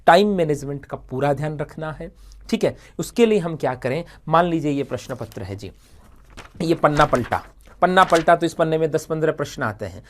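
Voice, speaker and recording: A man coaching exam candidates in a live talk, animated and repetitive, often checking in with "okay". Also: a little high, a little fast. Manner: animated, repetitive, frequent "thik hai" checks. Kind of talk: motivational exam advice talk. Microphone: livestream setup.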